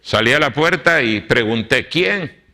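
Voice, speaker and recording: A male pastor with a Mexican Spanish accent, preaching a story-driven sermon in a church and acting out the dialogue, moving between loud and hushed. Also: medium pitch, expressive, normal speed, vocal fry. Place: church sanctuary.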